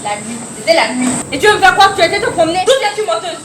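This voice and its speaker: A woman's voice: very high voice, very animated, very fast, background noise. A schoolgirl playing a scolding old nurse. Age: teens. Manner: scolding, lamenting. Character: scolding old female nurse, fussy and fond. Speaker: student actor. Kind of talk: school stage play. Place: theatre hall. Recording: echoey hall, insects behind.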